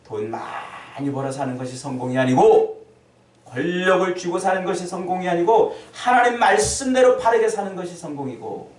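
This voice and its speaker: A middle-aged man preaching a lively Sunday sermon, often acting out the voices of the people he quotes. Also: high voice, moderate pace. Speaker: pastor. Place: church sanctuary. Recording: echoey church hall, distant mic.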